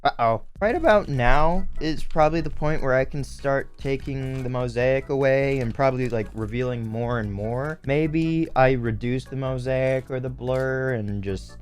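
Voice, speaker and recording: Young adult man, sniffly nose, medium pitch, casual vlog commentary, rambling, music behind. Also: measured pace, hardly any pauses. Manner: rambling, thinking aloud. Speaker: video host building Lego.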